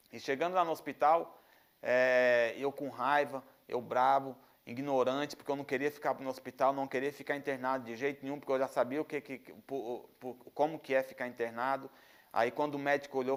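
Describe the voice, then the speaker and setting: An earnest man with a Brazilian accent tells his religious testimony in a middle-pitched voice. He circles back on phrases, repeating them for weight. He stumbles and restarts often as he talks. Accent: Brazilian Portuguese. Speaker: testimony speaker.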